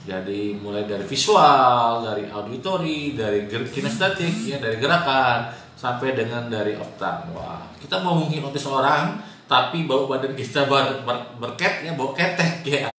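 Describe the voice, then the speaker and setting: A man's voice: medium pitch, expressive, normal speed, a bit bright. Man teaching in a very echoey room. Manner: explains with frequent "ya" tags and homely examples. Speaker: hypnosis teacher. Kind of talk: casual spoken lesson. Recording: very echoey room, faint noise.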